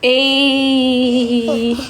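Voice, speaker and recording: A woman's voice: high-pitched, little pitch movement, extremely slow, background noise. A woman, chatting playfully and teasingly in a casual family vlog. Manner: playful, teasing, switches between Tagalog and English.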